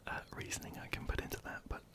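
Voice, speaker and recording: An ASMR creator, whispering softly and hesitantly while answering viewer questions into a close microphone. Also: quick pace. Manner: soft, hesitant, many ums and restarts.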